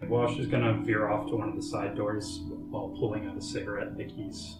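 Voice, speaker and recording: A man's voice: lowish voice, little pitch movement, a little fast, over loud music. A man playing his character at a tabletop game, answering in short, clipped lines. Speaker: player. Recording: distant, roomy mic.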